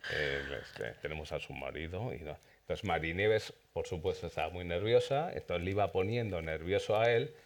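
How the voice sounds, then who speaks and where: A man with a very deep voice and an Aragonese accent, speaking in a festival press interview. He explains at length, repeating words and restarting often as he goes. He is from Zaragoza and talks as the creator of a series. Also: normal speed, hardly any pauses. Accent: Aragonese Spanish. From Zaragoza, Spain.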